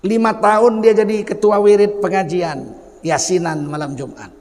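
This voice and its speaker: Animated man preaching in a reverberant hall. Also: high voice, normal speed. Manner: animated, mocking, acts out quoted people. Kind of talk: sermon.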